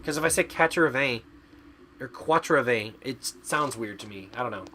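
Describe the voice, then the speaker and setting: A man's voice: mid-range voice, animated, fast talker, pushed and bright, slight background noise. A man from Canada doing live game stream commentary, chatting away and playfully arguing with his chat as he reads it aloud.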